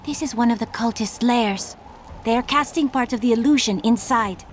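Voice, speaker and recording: A woman's voice: fairly high pitch, slight background noise, close to an everyday voice. A woman playing a solemn, earnest enchantress with formal speech in a video game. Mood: watchful. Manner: formal, measured declarations. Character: solemn ancient enchantress, young-sounding and earnest.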